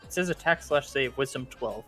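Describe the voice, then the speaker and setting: A playful man at a tabletop game, laughing often. His pitch moves a lot as he talks. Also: animated, normal speed, sharp tone, faint music behind. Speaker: player.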